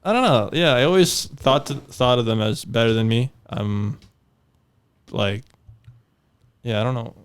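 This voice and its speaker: A man's voice: medium pitch, a little slow, pauses often, smooth. A young man in casual podcast chat, talking hesitantly with many fillers.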